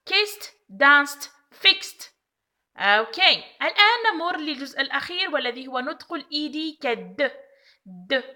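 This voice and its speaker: Woman, language teacher, high bright voice, slow careful delivery, repeats examples, checks in often. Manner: slow, drawn-out demonstration of English word endings, repeating each example; checks understanding with frequent rising "okay?". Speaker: English teacher. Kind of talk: recorded online language lesson.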